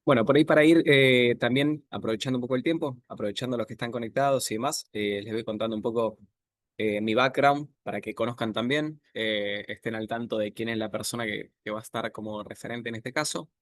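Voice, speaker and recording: A man in his thirties from Argentina with an Argentine accent, giving a relaxed online presentation over a video call with many filler pauses. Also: medium pitch, dry recording, studio quality. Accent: Argentine Spanish. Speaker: guest speaker, software architect.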